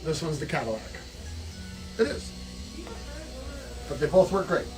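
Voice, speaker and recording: A tattoo artist with an Irish accent, chatting on a livestream in a laid-back, dry, joking way. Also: male voice, a little high, animated, measured pace, soft background music, low-quality recording. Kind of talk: casual livestream chat.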